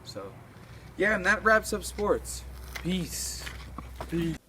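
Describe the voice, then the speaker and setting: Young male sports presenter, unhurried and casual, clearly noisy off-mic recording. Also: high voice, big pitch swings, sharp tone. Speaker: sports presenter for a school show. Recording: distant mic, very noisy surroundings.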